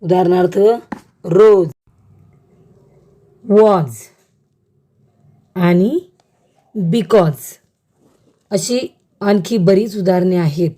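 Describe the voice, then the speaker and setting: Woman teacher, slow careful delivery, mellow lowish voice, school lesson. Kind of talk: school lesson on letter sounds.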